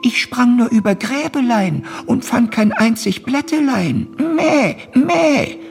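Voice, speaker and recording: A man voicing a female goat in a fairy tale, bleating in a high sing-song. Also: animated, slow pace, vocal fry, full character voice. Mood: complaining. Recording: music behind.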